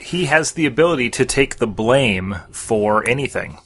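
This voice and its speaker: A man on a casual podcast panel, making wry, deadpan jokes. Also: mid-range voice, normal speed, a little hiss or hum.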